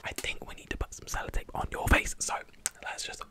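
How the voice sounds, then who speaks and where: A young adult ASMR video creator whispers close to a desk microphone in his small bedroom, firing off short phrases over and over in fast, chaotic, aggressive ASMR. His voice is whispered and mostly unvoiced.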